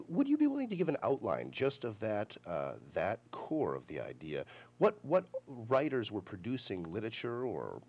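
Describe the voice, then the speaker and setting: Man interviewer, low voice, lively pitch, dull lo-fi sound, reads quotes aloud. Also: breathy edge. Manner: measured, reads quotes aloud, frequent listening hums. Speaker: interviewer host. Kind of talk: interview questions.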